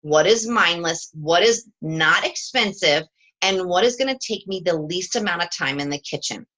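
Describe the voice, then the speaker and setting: A woman's voice: on the low side, animated, normal speed, fairly bright tone, poor audio. A woman leading a live coaching chat with her team from home, upbeat and chatty and often checking in with "okay?".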